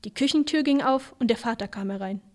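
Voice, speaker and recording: A woman reading a short story aloud, with a lively delivery that shifts for the characters. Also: a little high, fast talker. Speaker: reader.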